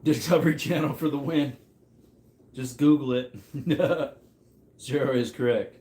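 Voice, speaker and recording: Man, mid-30s, casual stream host, mid-pitched, rambling chatter, echoey room. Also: a little slow, a little mellow. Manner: rambling, reacts to chat as he goes. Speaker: livestream host running trivia. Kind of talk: casual livestream chat.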